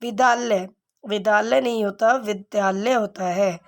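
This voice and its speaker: A woman's voice: mid-range voice, a little slow. A woman teaching a grammar lesson to children, explaining correct spellings and asking and answering her own questions.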